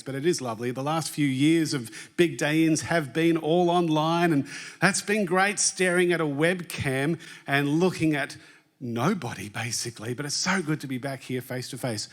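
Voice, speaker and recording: A man's voice: fairly high pitch, fairly bright tone. A man giving a jokey, chatty talk on a conference stage and quizzing the live audience. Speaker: conference presenter.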